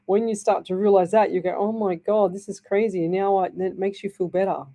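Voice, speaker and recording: Hosting a live radio show from a studio, a psychic medium from Northern Ireland with an Australian accent reads out messages in a rambling, reassuring chat. Her mid-range voice is warm and steady, at a normal speed, though her throat sounds dry and scratchy.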